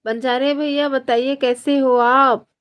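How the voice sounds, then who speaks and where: A woman from Chhattisgarh hosting a casual live stream, greeting viewers by name and reading out their comments in a slow, drawn-out, friendly way. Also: high voice, fairly even intonation, fairly bright tone, clean tone. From Chhattisgarh, India.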